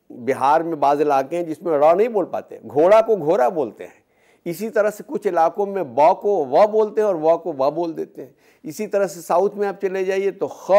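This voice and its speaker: Guy giving a lecture, slightly high voice, slow and explaining. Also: dark tone. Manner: measured, explanatory, with repeated examples. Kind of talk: educational lecture.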